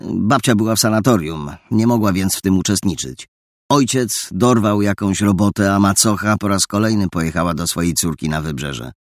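A man reading a story aloud in an expressive, lively storytelling manner. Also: sits low, moderate pace, no echo, clean studio sound. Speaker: narrator. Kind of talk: audiobook narration.

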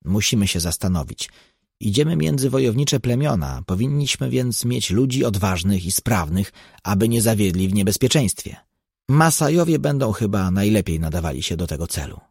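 A man reading an audiobook, voicing a calm, sensible explorer. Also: fairly low pitch, moderate pace, creaky, breathy edge, dry recording, studio quality, full character voice. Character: calm prudent male explorer.

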